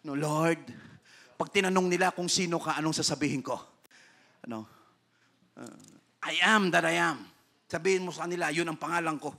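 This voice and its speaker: A male pastor from the Philippines giving an animated sermon, switching between Tagalog and English, acting out voices and checking in with "No?". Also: a little high, moderate pace, creaky, pauses often.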